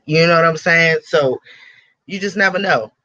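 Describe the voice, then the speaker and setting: A male radio host delivers a blunt, profane rant of celebrity commentary. He sits a little high for a man and pushes hard with a bright, forceful tone. The lo-fi recording is dull and very dry. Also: normal speed, no room sound. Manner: blunt, profane and heated, with repeated phrases.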